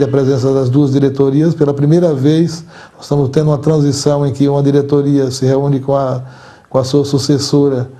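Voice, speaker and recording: In measured, formal responses, an older man with a Brazilian Portuguese accent speaks as the association's outgoing president, deliberately selecting words and now and then repeating them. The voice is dark and mid-range.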